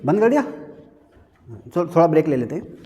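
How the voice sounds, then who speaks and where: A man's voice: on the high side, big pitch swings, a little fast, dark tone, lo-fi sound. A man teaching an economics class in a classroom, joking and quizzing his students in a conversational way. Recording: hall reverb.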